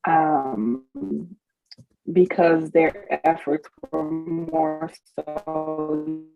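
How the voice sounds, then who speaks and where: A woman talks slowly over a tinny, phone-like call line, with a gravelly edge to her voice. Her audio keeps breaking up and dropping out on a poor connection. She hesitates often, with plenty of fillers, in a remote committee meeting. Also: lowish voice. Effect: audio breaking up on a bad call connection. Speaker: advocate on a subcommittee. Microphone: video call.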